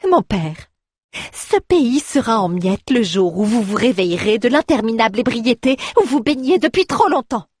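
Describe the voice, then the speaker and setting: A woman's voice: sits high, big pitch swings, measured pace, a little mellow, no room sound, clean studio sound, voice pushed up. A woman voicing an exasperated young noblewoman who scolds her father indignantly, in a storybook reading. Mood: reproachful. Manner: indignant, rising.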